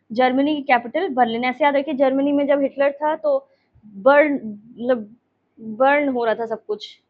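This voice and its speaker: A woman's voice: high voice, lo-fi sound. A woman teacher explaining a map lesson, repeating names and checking in with her students.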